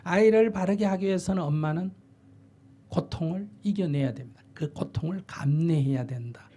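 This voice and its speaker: With a slightly high voice, warm in tone and touched by vocal fry, an older man who is a Buddhist monk responds to a question during a dharma talk. His advice is blunt and plain, and he plays out the words of both parents and children.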